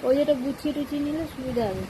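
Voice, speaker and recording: A high-voiced woman speaks casually, like a mother running a home vlog. Her manner is playful and chiding, homely and informal. The recording carries clear household noise. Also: fast talker. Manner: nagging, playful, chiding family talk. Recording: noisy home phone-video recording.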